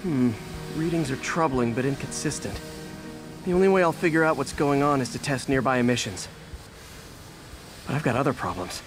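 A man plays a wry young superhero scientist in a video game, thinking aloud as he works. His voice sits at an ordinary middle pitch, while game music plays clearly behind him. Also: lively intonation, moderate pace, long pauses, lightly acted. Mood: focused. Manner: muttering thoughts to himself while investigating. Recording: game audio under loud music.

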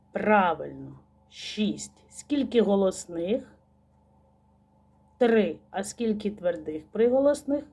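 A woman teaches a recorded lesson for small children in a slow, patient way. Her voice is husky and mellow. She asks questions, then waits and praises the answers. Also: mid-range voice.

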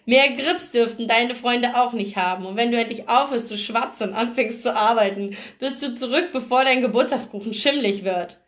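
A curt, scornful cowboy who snaps out his words slowly and coldly, voiced by a woman reading a novel aloud. Her voice sits fairly high even for the part, and each line lands with clipped, growling contempt. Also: close to an everyday voice. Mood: surly. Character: surly hostile male cowboy, curt and scornful.

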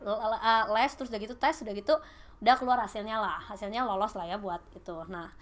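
A woman in her late twenties with a Sundanese-tinged Indonesian accent, a podcast guest telling her story in lively casual chat and mixing in English phrases. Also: mid-range voice, fast talker. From Bandung, Indonesia.

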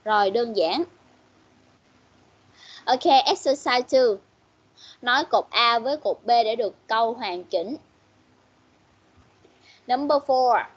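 Woman teacher, online class, patient and coaxing, slow delivery, dull call audio. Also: fairly high pitch, slightly rough. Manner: patient, coaxing, repeats words slowly for pupils. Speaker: English teacher. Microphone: video call.

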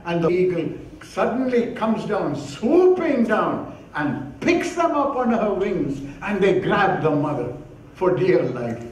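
A man with a high voice preaches slowly and deliberately, telling an animated story. He punctuates it with repeated exclamations. The sound comes from a distant mic in a strongly echoing hall with faint noise. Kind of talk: sermon.

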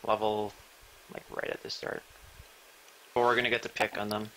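A young man talking casually over voice chat during a team game, excitable and profane, with a lot of rambling. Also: fairly low pitch, normal speed, background noise. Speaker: gamer on voice chat.

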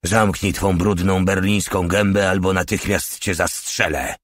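A man's voice: low voice, fairly even intonation, a little slow, fairly bright tone, dry recording, studio quality. A man reading a stern, indignant older male sergeant who lectures reproachfully.

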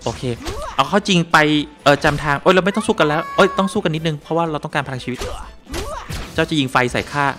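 Streaming a game live, a man jokes with his chat, exclaims and laughs often, and thanks viewers for donations. His animated voice is on the high side and rapid-fire, with faint music behind.

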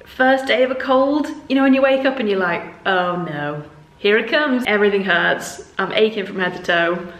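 In an empty house with bare rooms, a young vlogger from northern England chats self-mockingly to camera, her words echoing cave-like. She speaks at normal speed in an animated, medium-pitched, fairly bright voice, recorded with faint noise in the echoey space.

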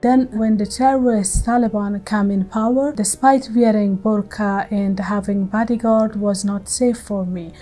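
An Afghan-accented woman in her forties gives interview testimony as an activist, her voice warm and mellow. She speaks earnestly and haltingly, with many fillers between phrases. Soft music plays faintly in the background. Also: mid-range voice, steady tone, low-quality recording. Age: 40s. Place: bright indoor room with plants.

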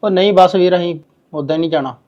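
A man's voice: high-pitched, fast, darkish tone, dull audio, lightly acted. A man playing a touchy, stubborn younger son in a family drama, arguing and sulking. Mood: sullen. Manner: argumentative, sulky. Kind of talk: Punjabi family drama acting.

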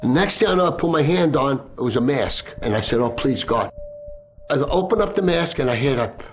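A firefighter telling his story in an interview, vivid and animated, acting out the shouts he heard. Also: a little high, fast, faint music behind. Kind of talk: emotional interview recollection.

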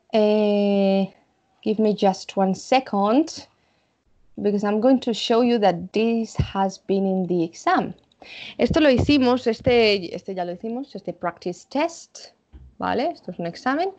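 A woman with a Spanish accent teaching an English exam-prep class online, checking in often with her students and slowing down to model English examples. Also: medium pitch, darkish tone, dull audio. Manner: switches between Spanish and English, frequent "vale?" check-ins.

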